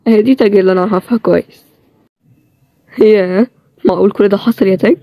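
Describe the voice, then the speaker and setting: A woman's voice: medium pitch, fairly even intonation, fast, no room sound, dull audio, close to an everyday voice. Woman voicing tired Egyptian hero Fahd. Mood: teasing. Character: young man hero, tired and stubborn. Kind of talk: storybook role-play series.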